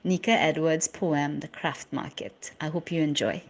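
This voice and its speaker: A woman from Trinidad and Tobago with a somewhat neutralized Trinidadian accent, introducing herself in measured speech with emphasis on key words. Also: sits low. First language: English. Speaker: interpreter and poem reader. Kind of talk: spoken self-introduction.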